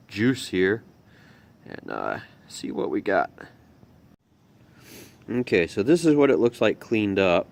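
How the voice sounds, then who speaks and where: Chatty, slightly low-voiced man outdoors. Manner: upbeat, chatty, thinking aloud. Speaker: metal detecting vlogger. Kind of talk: casual outdoor narration while digging. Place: outdoors in a muddy field.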